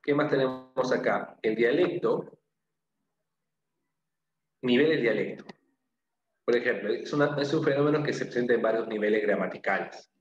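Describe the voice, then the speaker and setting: A language teacher from Peru, a man with a Peruvian Spanish accent, gives a classroom lecture in a mid-range voice at a moderate pace, leaving long pauses. He explains step by step, repeats key phrases, and regularly adds "¿no?" and "¿ok?". The room sounds roomy, and the highs are cut off.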